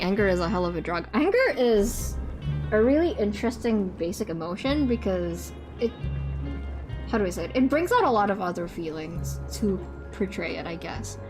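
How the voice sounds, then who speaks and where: Over background music, a young adult non-binary streamer speaks in a higher-pitched, expressive voice at normal speed, leaving long pauses. Reacting live and chatting casually, they stumble through restarts, laugh often and curse without restraint.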